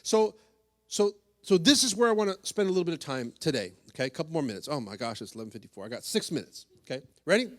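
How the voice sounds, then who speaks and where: Animated preacher man in an echoing hall. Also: on the high side, quick pace. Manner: animated, acts out voices of the disciples, many asides and "right?". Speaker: pastor. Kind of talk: sermon. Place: church sanctuary. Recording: long hall reverb.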